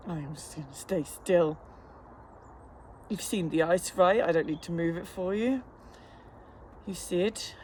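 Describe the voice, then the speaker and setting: Pausing often and speaking a little slowly, a man with a high, slightly mellow voice sits in an outdoor ice bath and chats to the camera. He's a fitness instructor vlogger, cold-stressed yet casually rambling in a matter-of-fact, self-deprecating manner. Some slight background noise is audible.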